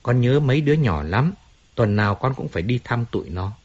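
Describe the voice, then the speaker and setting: Man reading aloud as a bitter, whining male singer, husky and raised in pitch, pleading and self-pitying, dull audiobook sound. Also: animated, brisk, a little mellow. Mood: sorrowful. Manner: complaining, pleading, resentful.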